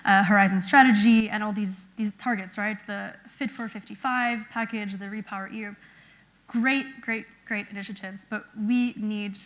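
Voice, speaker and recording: A woman's voice: mid-range voice, fairly bright tone. A woman representing an electrolyzer maker on a panel, speaking earnestly and often adding "right?". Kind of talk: panel discussion.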